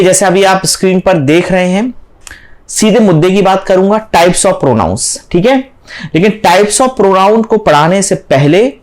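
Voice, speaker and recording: High-pitched man teaching grammar. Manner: explains step by step, often checking with "thik hai"; mixes English terms into Hindi explanation. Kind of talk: classroom lecture.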